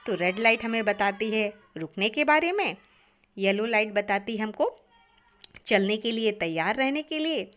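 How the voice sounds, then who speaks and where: An Indian woman teaching an online grammar lesson to children, speaking deliberately and often addressing the class. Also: medium pitch, lively intonation, fairly bright tone.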